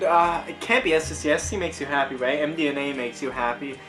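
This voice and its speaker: A man's voice: on the high side, quick pace, faint music behind. A young man co-hosting, making joking asides and laughing often. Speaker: co-host. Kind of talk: comedic banter.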